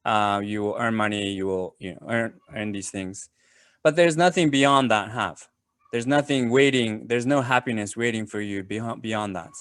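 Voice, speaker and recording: A man giving a casual webinar talk on a video call, pausing often with fillers and restarts. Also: lowish voice, fairly bright tone, smooth, dry recording. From Japan. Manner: hesitant, many fillers and restarts. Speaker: webinar presenter.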